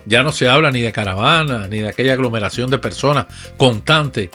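A man's voice: medium pitch, fairly quick, bright, forceful tone, faint music behind. A man giving opinionated news commentary on a radio morning show, speaking straight to listeners. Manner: emphatic, addresses listeners directly.

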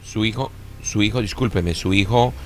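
A man giving legal advice on a radio show, with a brisk, confident and reassuring manner. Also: lowish voice. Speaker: immigration lawyer.

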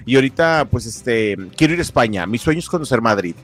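A man's voice: medium pitch, expressive, quick pace, a bit bright, faint music behind. A man chatting on a radio show, rambling with fillers. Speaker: radio reporter. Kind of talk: casual radio chat.

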